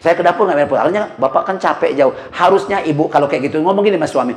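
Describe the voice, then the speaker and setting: A man's voice: on the high side, very fast, roomy sound. A middle-aged man giving a comic sermon, telling jokey stories and constantly turning to the congregation. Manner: joking storyteller, addresses the congregation constantly. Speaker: preacher. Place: mosque.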